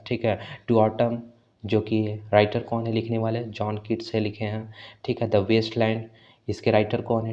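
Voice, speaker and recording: A male teacher explains exam questions on English literature, mixing Hindi with slowly read English lines and often saying "ठीक है". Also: medium pitch, mellow, dull audio. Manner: mixes Hindi with English, reading English phrases slowly; repeats "ठीक है" as a filler. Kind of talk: exam-prep lesson.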